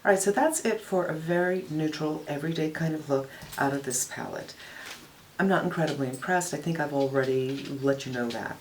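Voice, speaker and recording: Frank older woman, low voice. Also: a little fast, a little hiss or hum, rough recording. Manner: frank, matter-of-fact product critique. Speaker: beauty vlogger. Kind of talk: casual makeup tutorial narration.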